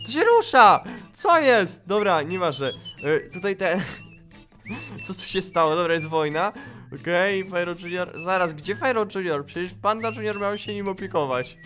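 Gaming host, male, high lively voice, excitable let's-play commentary with faint music behind. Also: moderate pace. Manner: excitable, exclaiming and laughing at the game. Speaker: gaming YouTuber. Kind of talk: live gameplay commentary.

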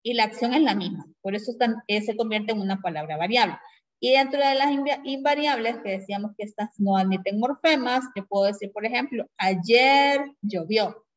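A woman teacher giving a grammar lesson who explains patiently and keeps checking in with her class through quick tag questions. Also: a little high. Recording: dull lo-fi recording.

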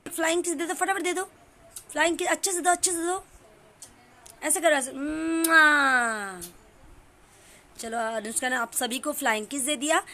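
A woman's voice: high voice, fairly quick, a bit bright. A woman filming a family vlog, coaxing a toddler through words and counting in a sing-song prompting voice. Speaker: family vlogger. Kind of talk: teaching a toddler on camera.

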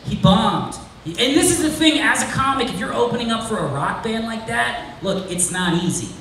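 A man doing live stand-up storytelling, animated and laughing as he tells the story and calls out to his brother in the crowd. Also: high voice, moderate pace. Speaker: stand-up comedian. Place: live comedy venue. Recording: echoey room, distant, loud ambient noise.

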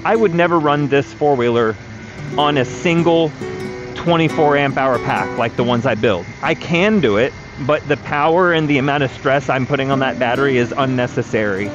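A man's voice: mid-range voice, moderate pace. A man in his thirties giving practical, matter-of-fact advice while riding a four-wheeler outdoors, recorded on an action camera. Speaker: vlogger, electric vehicle builder. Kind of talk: casual explanatory ride-along talk. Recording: dull lo-fi action camera audio with music underneath. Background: background music.

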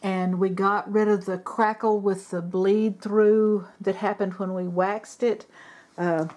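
In her sewing room, picked up by a camera mic, a DIY furniture vlogger casually narrates a furniture refinishing job while working, rambling with fillers and fixing her own words. Her mid-range voice is slow, darkish and level in tone.

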